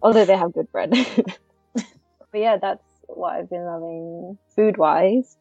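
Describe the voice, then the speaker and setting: A woman co-hosting a casual chat, relaxed and laughing, talking to listeners as guys. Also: on the low side, takes it slowly, no echo, dull audio, faint music behind. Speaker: podcast co-host.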